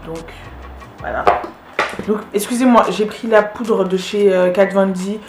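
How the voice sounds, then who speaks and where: A woman's voice: mid-range voice, fairly even intonation, measured pace, echoey room, music in the background. A woman vlogger chatting casually with lots of fillers while she does her makeup. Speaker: beauty vlogger. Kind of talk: casual get-ready-with-me makeup narration.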